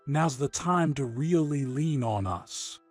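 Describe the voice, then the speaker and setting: A man playing a calm, earnest middle-aged father, speaking slowly. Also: medium pitch, faint music behind.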